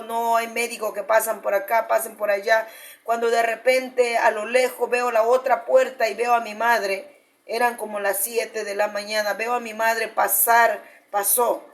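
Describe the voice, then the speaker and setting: A woman pastor preaches a fervent testimony in a slightly high voice. She keeps turning to the congregation to call them beloved brothers and sisters in the Lord. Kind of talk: sermon testimony.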